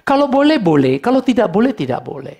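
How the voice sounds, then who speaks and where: Animated, gravelly pastor. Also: male voice, high-pitched, quick pace. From North Sumatra, Indonesia. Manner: lively storytelling, acting out family dialogues with humor. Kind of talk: sermon.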